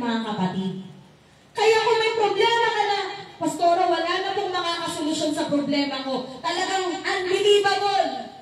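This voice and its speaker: A young woman gives a church testimony and preaches, calling out amen to the congregation in a church hall. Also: high-pitched. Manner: preacherly call-and-response with frequent amen shouts. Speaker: church speaker giving testimony. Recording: echoey hall from far off.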